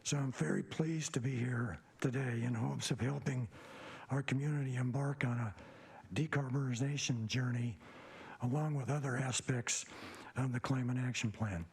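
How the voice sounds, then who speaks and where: A man in his seventies with a hoarse, raspy, papery near-whisper, giving a prepared self-introduction in a halting, measured way. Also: medium pitch, a little mellow. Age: 70s. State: hoarse, recovering voice after a throat tube. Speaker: commission member.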